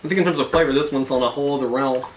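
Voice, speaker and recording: A man's voice: mid-range voice, steady tone, very fast. A man hosting a casual food challenge web show, speaking in a wordy, mock-formal way. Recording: clearly noisy background.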